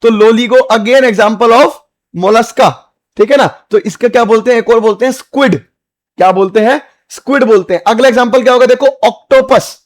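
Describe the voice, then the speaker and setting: A man's voice: extremely high pitch, normal speed. A man teaching biology for exam prep in speech, repeating key points, checking that students follow, and using playful memory tricks. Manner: repetitive, checks understanding, playful mnemonics.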